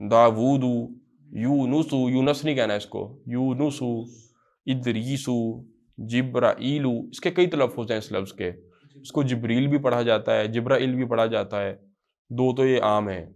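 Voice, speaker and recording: A man with a Pakistani accent gives a classroom grammar lecture at a middle pitch. He drags out the words he is teaching, says them again, and then rushes through short explanations. He keeps checking that the class understands. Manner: drills words slowly, then explains in quick asides; repeats phrases and checks understanding. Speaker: Arabic teacher.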